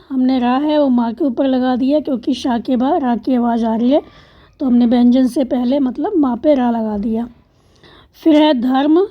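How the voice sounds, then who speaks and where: A woman teacher with a high-pitched voice patiently walks through a language exercise step by step, spelling out letters and word parts one at a time. The recording has a dull, lo-fi sound.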